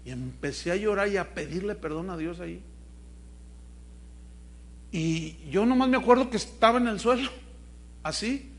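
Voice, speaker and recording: A man's voice: high-pitched, moderate pace, pauses often. A man, a pastor preaching a sermon to his congregation, telling stories animatedly and speaking straight to his listeners. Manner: animated storytelling with acted quotes, addresses the congregation. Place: church congregation.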